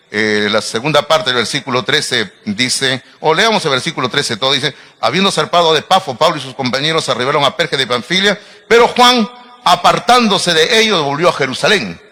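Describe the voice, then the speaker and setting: A man's voice: on the high side, bright, forceful tone. A middle-aged man preaching a sermon as pastor, emphatic and full of rhetorical questions to his congregation. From Peru.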